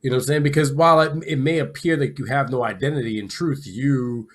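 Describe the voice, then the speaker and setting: A man's voice: mid-range voice, fast. Casual podcast host man. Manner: casual, affirming, repeats "you know what I'm saying". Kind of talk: podcast interview.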